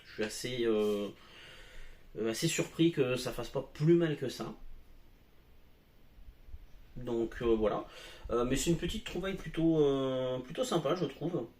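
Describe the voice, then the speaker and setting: A man's voice: mid-range voice, expressive, a little slow, long pauses, a little mellow, reverberant. A man giving a casual product demo at home as a tech reviewer, talking with many hesitations and fillers.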